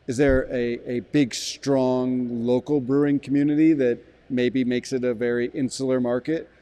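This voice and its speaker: A man in his forties, a brewery sales director, giving a measured interview in a barrel room with frequent restarts. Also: mid-range voice, dark tone. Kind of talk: business interview.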